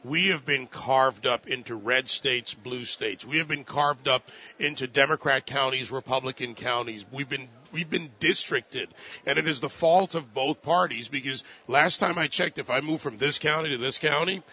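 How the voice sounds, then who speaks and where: A man's voice: medium pitch, moderate pace, pushed and bright, slightly rough. A man on a political talk panel, telling stories and asking pointed rhetorical questions. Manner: storytelling, emphatic rhetorical questions. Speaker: political commentator. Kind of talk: panel discussion. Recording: dull lo-fi sound.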